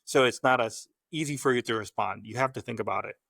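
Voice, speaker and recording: Fast and creaky, with medium pitch and a bit of brightness, this man from the Philippines speaks with a Filipino accent; Tagalog is his first language. He's a lab scientist appearing as a guest, rambling through casual conversation with restarts. The sound is studio quality without echo.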